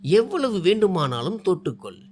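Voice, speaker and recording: A man's voice: high voice, very animated, moderate pace, a little mellow, a little hiss or hum. A charming, possessive young man, read by a male storyteller in a storybook tale, teasing and coaxing with a voice that rises and dips a lot. He is sure of himself and can turn cold and menacing. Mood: tender.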